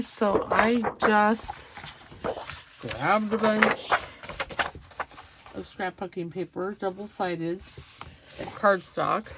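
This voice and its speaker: A middle-aged woman talks through a craft project at home, with a slow, easygoing delivery and a gravelly catch in her voice. She chats with viewers and throws in self-deprecating remarks as she works. The recording carries a clear layer of background noise. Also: medium pitch. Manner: chatty, self-deprecating asides while working. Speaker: craft channel host. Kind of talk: casual craft tutorial.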